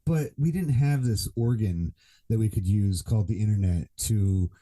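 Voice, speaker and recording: Low, dark-voiced man rambling on a podcast. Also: moderate pace. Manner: rambling, many fillers and restarts. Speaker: podcast co-host. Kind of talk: casual podcast chat.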